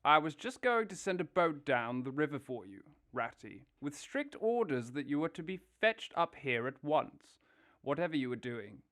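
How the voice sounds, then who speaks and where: A man voicing a boastful, excitable, wealthy male toad who exclaims grandly. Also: on the high side, normal speed. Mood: excited. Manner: bombastic, exclaiming.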